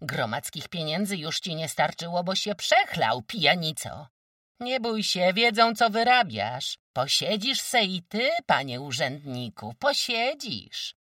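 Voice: big pitch swings, unhurried, bright, forceful tone, no echo, studio quality, distant mic, exaggerated voice. A reader voicing a mocking, foul-mouthed peasant woman who jeers and shrieks at her neighbors in an audiobook. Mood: shrieking anger. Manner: jeering, shrill, mocking. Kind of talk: audiobook character reading.

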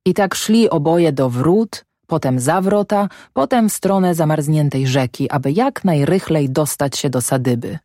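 A man narrating a classic novel as an audiobook in a measured, even storytelling manner. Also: a little high, dry recording, clean studio sound. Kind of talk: scripted literary narration.

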